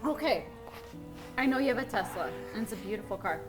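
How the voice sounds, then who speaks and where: Giggly, high-voiced woman asking questions. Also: expressive, fairly quick, music in the background. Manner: giggly, asks lots of questions. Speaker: interviewer, co-worker. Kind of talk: casual chat during a hot wings challenge.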